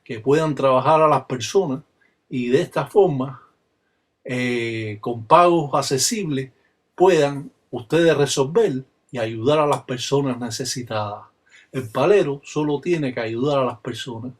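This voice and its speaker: An older Cuban man speaks as a religious elder, solemn and insistent, his voice husky and slightly rough. He teaches in measured phrases and slips into rhythmic chanted call-and-response lines. His pitch sits in a middle range for a man. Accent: Cuban Spanish. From Cuba.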